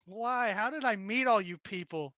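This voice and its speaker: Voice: mid-range voice, normal speed, sharp tone, no room sound, muffled recording. A streamer hosting a late-night tabletop game, chatting casually between turns, joking and laughing often.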